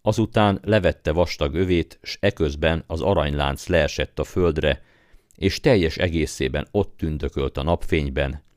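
A man narrating an audiobook in a calm, measured storytelling manner. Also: very deep voice, no room sound, studio quality. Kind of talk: scripted narration.

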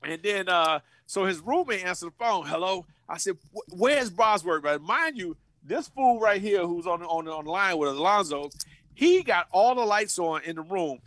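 Fifties guy with a high voice, dry close mic, slangy and animated, acts out everyone. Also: normal speed, no room sound. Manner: lively, slangy, repeats words, acts out voices. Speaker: guest, former college football player. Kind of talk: animated storytelling.

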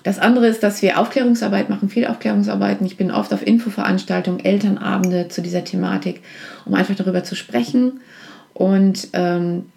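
A woman from a support organization talks about her outreach work as a podcast interview guest, speaking earnestly with lots of fillers and restarts. Her mid-range voice is steady, brisk, and gravelly, with a somewhat dark tone.

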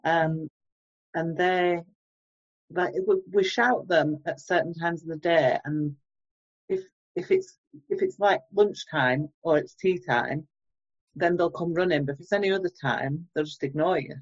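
Low-voiced woman on dull lo-fi audio. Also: measured pace. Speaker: podcast co-host. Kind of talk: casual chat.

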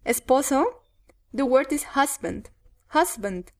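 A woman's voice: high-pitched, expressive, takes it slowly. A woman co-hosting a bilingual pronunciation lesson, giving the English word for each prompt and repeating it. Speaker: co-host answering as student.

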